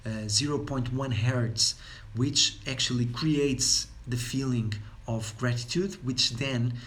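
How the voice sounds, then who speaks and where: A Portuguese man with a Portuguese accent gives an unscripted talk on well-being, rambling with plenty of fillers and repeated words. His medium-pitched voice is slow and a bit bright.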